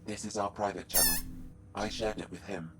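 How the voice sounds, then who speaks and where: A man voicing a flat-toned male AI companion. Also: lowish voice, fairly quick, loud music behind the voice, lightly acted. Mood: solemn. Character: calm male AI companion, steady and measured. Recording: game audio with ambient noise.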